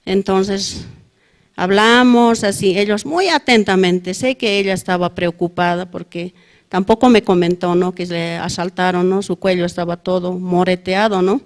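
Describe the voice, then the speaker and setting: A woman's voice: lowish voice, steady tone, moderate pace. Bolivian woman telling her church testimony. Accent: Bolivian Spanish. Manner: ends nearly every phrase with a questioning tag, plain conversational storytelling. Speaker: church member giving testimony. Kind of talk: testimony at a prayer service.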